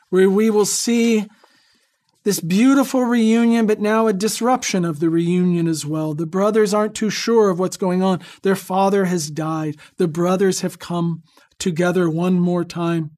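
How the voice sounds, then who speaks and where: A man giving a reflective lecture on scripture in a measured, earnest way, pausing for emphasis. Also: high voice, darkish tone.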